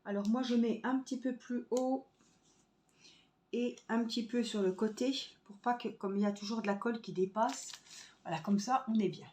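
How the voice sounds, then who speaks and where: A woman's voice: fairly high pitch, normal speed, mellow, slight background noise. A woman vlogging at home, chatting casually to viewers as she crafts, thinking aloud with fillers, recorded on a phone camera. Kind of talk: casual tutorial chat while crafting. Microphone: phone camera on a stand.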